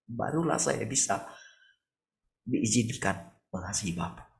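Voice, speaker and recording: Gravelly-voiced man preaching. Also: fairly low pitch, lively intonation, measured pace. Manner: conversational preaching, rhetorical questions, shifts between soft and raised voice. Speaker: pastor. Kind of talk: morning devotional sermon over video call. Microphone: video call.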